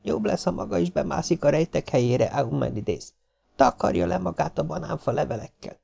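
A man voicing a young woman hiding at night, talking in a hushed, urgent whisper for an audiobook. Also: a little high, lively intonation, gravelly, voice pushed up, exaggerated voice. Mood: tense hushed.

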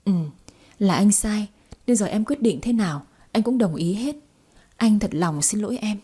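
Remorseful young man in an audio story, voiced by a woman, dark and husky. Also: medium pitch, lively intonation, normal speed. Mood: apologetic.

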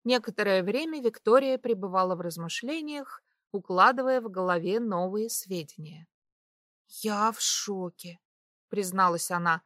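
Bright-voiced woman reading an audiobook. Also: mid-range voice, lively intonation, moderate pace, hardly any pauses, no room sound, studio quality. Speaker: audiobook narrator. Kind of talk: first-person audiobook narration.

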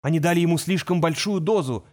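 A man voicing a delirious male journalist who whispers hoarsely, weeps and breaks into shrieks in an audiobook. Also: fairly high pitch, quick pace, a little mellow, natural voice. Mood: feverish whisper. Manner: feverish, rambling, melodramatic. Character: delirious, tearful male journalist gone half mad.

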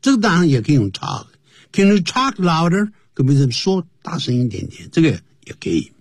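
A man teaching English on a radio program, explaining phrases slowly with repetition. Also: husky, no room sound, clean studio sound. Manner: explains slowly and repeats phrases, lively drawn-out pitch. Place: radio studio.

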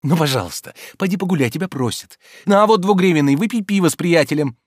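A man voicing an agitated, nervous gentleman who pleads with and shouts orders at his servants. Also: a little high, fast, dry recording, clean studio sound, pitched above the performer's own voice. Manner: excited, insistent, shouting orders.

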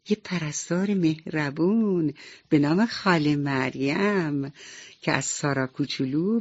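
A woman narrating a radio bedtime story, speaking directly and warmly to the children listening. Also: low-pitched. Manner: warm, addresses children directly. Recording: slightly dull radio recording, soft music behind.

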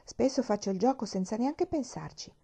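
A woman's voice: fairly high pitch, animated, moderate pace, vocal fry, warm tone, husky, pitched above the performer's own voice, heavily acted. A woman reading aloud, voicing a cheerful, earnest young girl who speaks sincerely and eagerly.

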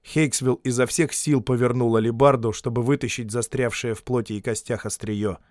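A man narrating an audiobook in a steady, dramatic reading voice. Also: mid-range voice, moderate pace, no echo, studio quality.

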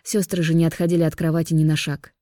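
A woman narrating an audiobook in a steady, even storytelling manner. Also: low voice, quick pace, no room sound, clean studio sound. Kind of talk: scripted narration.

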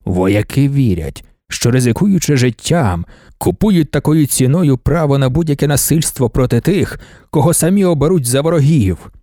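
A man voicing an ancient, imperious male god-emperor in an audiobook, speaking in a slow, measured, commanding way. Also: mid-range voice, expressive, mellow, no room sound, studio quality, natural voice. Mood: lecturing. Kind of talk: audiobook character voice.

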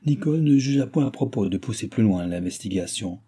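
A man narrating a classic novel in a steady, measured audiobook reading. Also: on the low side, slightly rough.

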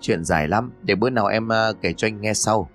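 An easygoing young man talks in a casual, polite way, as a man voices him. His voice sits on the low side. Quiet music hums under this horror audio story. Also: a little fast.

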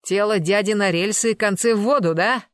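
Brief: a reader doing a hulking male bodyguard, loud and threatening, dry close read. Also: high-pitched, moderate pace, no room sound, lightly acted. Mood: menacing. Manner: loud, bullying, interrogating. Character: burly menacing male bodyguard, rough and threatening.

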